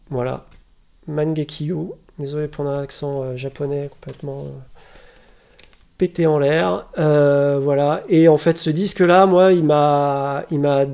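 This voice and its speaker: A man's voice: on the high side, creaky, warm tone. A man presenting his record finds in a casual vlog, hesitant and full of fillers and restarts, recorded on a webcam at home. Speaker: vinyl collector presenting records.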